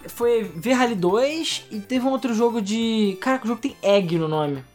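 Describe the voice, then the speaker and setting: A woman's voice: on the high side, unhurried, faint music behind. A young adult woman with a Rio de Janeiro accent, co-hosting a casual podcast and telling stories animatedly, acting out both sides of a conversation. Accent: Rio de Janeiro Portuguese. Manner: animated storytelling, acts out quoted exchanges. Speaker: podcast co-host.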